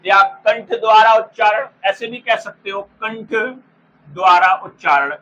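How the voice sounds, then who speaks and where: A man teaching an exam-prep grammar lesson, repeating each term slowly for students to write down and calling them by fond names. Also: high voice, bright, forceful tone, highs cut off. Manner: slow, repeats terms for dictation; addresses students fondly.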